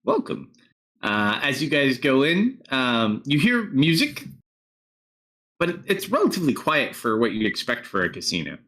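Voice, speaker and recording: A man's voice: medium pitch, wildly swooping pitch, moderate pace, fairly bright tone. A man acting as game master, casually improvising narration and talking with his players.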